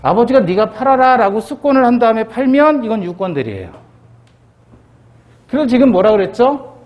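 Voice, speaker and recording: A middle-aged man teaches civil law for an exam course in a lecture style. His voice sits high for a man and swoops up and down as he asks the class questions. He drops into quoted voices to act out short scenes. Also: a little fast. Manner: animated, acts out dialogue in quoted voices.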